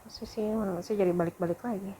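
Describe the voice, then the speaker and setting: A woman's voice: mid-range voice, fairly even intonation, fast, warm tone, a little hiss or hum. A woman lecturer talking through a recorded lesson, thinking aloud with fillers and corrections.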